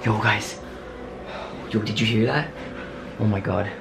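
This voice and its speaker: Young man, dramatic vlogger, lowish voice. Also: steady tone, a little slow, vocal fry. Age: young adult. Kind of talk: dramatic paranormal challenge vlog. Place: small home office indoors. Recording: home room with music behind.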